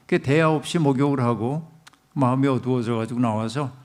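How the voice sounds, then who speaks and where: A man's voice: mid-range voice, brisk, darkish tone. Middle-aged male pastor preaching a sermon. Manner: storytelling, addressing the congregation directly.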